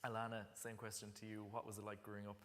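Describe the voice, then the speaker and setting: A man's voice: on the low side, monotone, quick pace, fairly bright tone. A man, moderating a panel in unscripted speech. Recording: echoey hall with long reverb.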